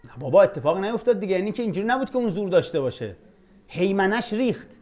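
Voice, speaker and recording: A man with a somewhat high-pitched voice leads an informal Quran class. He talks to his students in a loose, chatty way. He slows down when he recites Arabic verses. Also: sing-song, darkish tone. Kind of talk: informal religious lesson.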